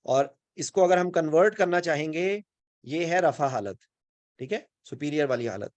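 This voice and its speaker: A man's voice: fairly high pitch, darkish tone, dry recording, highs cut off. A man with a Pakistani Urdu accent teaching Quran and Arabic grammar in an online class, explaining step by step, checking in with his students and mixing English words into his speech.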